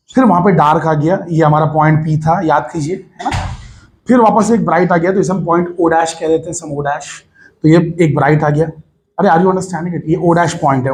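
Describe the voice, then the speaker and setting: A man teaching physics to a class of students, lively and coaxing, calling them to listen and asking if they follow. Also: a little high. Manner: lively, coaxing, addresses students as beta, mixes English phrases.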